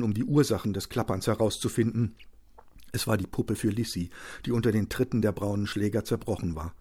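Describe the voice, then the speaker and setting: A man reading a novel aloud as an audiobook narrator, with steady, tense storytelling. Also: lowish voice, husky. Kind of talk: scripted narration.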